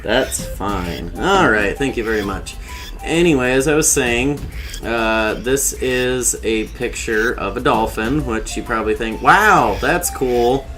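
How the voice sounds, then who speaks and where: A man's voice: medium pitch, unhurried, a bit bright. A man doing casual, informal game commentary as a streamer, explaining things with jokey asides over game music.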